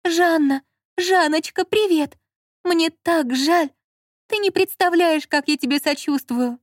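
A woman's voice: high voice, expressive, moderate pace, dry recording, studio quality, pitched above the performer's own voice. A woman voicing a sly young swindler on the phone, theatrical and sharply changeable. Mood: sugary. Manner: theatrical, switching between cold pressure and gushing.

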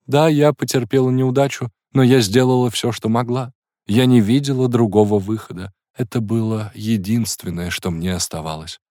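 A man's voice: medium pitch, fairly even intonation, moderate pace, mellow, dry recording, clean studio sound, voice pushed up, natural voice. A man reading an audiobook, voicing a proud, tormented woman in an emotional, intense manner. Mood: anguished.

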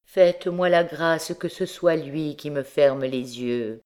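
A woman voicing a wounded, dying mother who speaks slowly and solemnly. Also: low-pitched, a little mellow. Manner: slow solemn speech.

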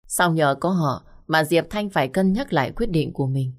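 Female audiobook narrator, slightly low voice, measured and emotive. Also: expressive. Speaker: storyteller.

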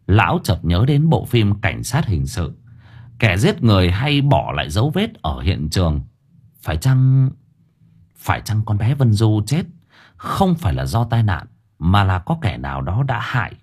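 A man's voice: lowish voice, sing-song, moderate pace, a little mellow, slightly rough. A man narrating an audiobook story expressively.

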